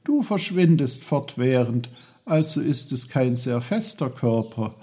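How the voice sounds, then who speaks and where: A man's voice: mid-range voice, big pitch swings, a little slow, warm tone, slightly rough, voice pushed up. A man voicing a curious, eager boy who asks many questions.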